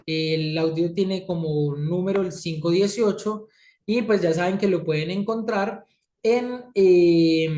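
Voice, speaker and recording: A woman's voice: mid-range voice, a little mellow. A woman teaching an English class, who keeps checking in with her students. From Colombia. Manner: checks in often with "¿sí?" and "¿listo?". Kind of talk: classroom lesson. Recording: echoey room.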